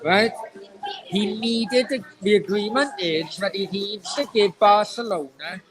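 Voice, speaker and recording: A man's voice: sits high, measured pace, crowd noise, rough recording. A young man in a heated casual chat, insistent and sweary, talking over the others. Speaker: podcast guest.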